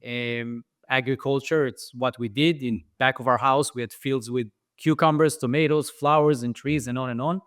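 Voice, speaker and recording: A middle-aged man with an Israeli accent speaks in a medium-pitched, steady, slightly bright voice at a moderate pace with hardly any pauses, recorded dry in studio quality. As a franchise founder guesting on a podcast interview, he tells his story thoughtfully, with frequent fillers and restarts.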